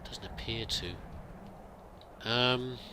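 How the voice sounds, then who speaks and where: A mid-range male voice speaks extremely slowly over a noisy background. He's a let's play gamer roleplaying a pilgrim, thinking aloud in character as he comments on the game, musing and hesitant, restarting often.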